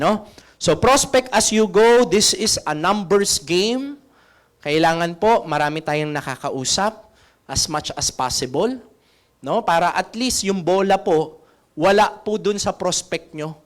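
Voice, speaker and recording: High-pitched man coaching a seminar. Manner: coaching, keeps asking the audience questions. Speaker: sales trainer. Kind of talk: seminar talk.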